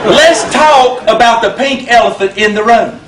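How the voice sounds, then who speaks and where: A man's voice: very high-pitched, normal speed, a loud crowd. A man giving a funny, folksy motivational talk on stage to a live audience. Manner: folksy, drawling storyteller with punchlines. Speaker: motivational speaker. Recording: roomy hall, distant mic, loud noise.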